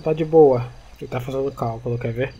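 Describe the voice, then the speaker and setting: A man's voice: mid-range voice, fairly even intonation, brisk, warm tone, a little hiss or hum. A man from Brazil chatting casually in character during a game roleplay, with laid-back street slang. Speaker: roleplay player, channel host.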